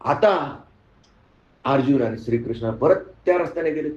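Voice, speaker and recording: A man's voice: medium pitch, normal speed, darkish tone. A male spiritual teacher telling a story in a sermon and asking his audience questions. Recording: echoey room, muffled sound.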